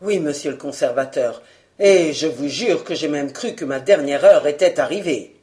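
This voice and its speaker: Woman reading a dazed tough inspector, thick slurred voice, low and warm. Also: expressive, normal speed. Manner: thick, slurred speech of a man just woken. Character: dazed burly male police inspector, courageous and honest.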